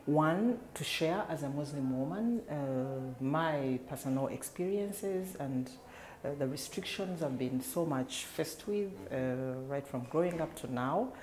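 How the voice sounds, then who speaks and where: A woman from Uganda giving a measured, articulate interview answer. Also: low-pitched, expressive, darkish tone, a little hiss or hum. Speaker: workshop participant.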